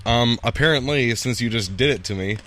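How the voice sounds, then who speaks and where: A man's voice: mid-range voice, a little fast, fairly bright tone, a little hiss or hum. A man hosting a podcast outdoors on a patio, chatting casually and rambling, often restarting his sentences. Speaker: podcast host. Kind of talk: casual chat.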